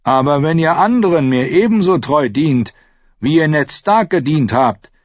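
Ein Mann liest einen arroganten jungen Lord, spöttisch und befehlend, in einer Hörbuchlesung. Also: male voice, fairly high pitch, expressive, measured pace, no room sound, muffled recording, voice pushed up. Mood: scornful, commanding. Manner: mocking, commanding. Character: arrogant young male usurper lord. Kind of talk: audiobook reading.

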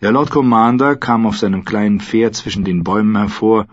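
A man reading an audiobook in a measured, low-key narration. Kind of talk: scripted narration. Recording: dull lo-fi recording.

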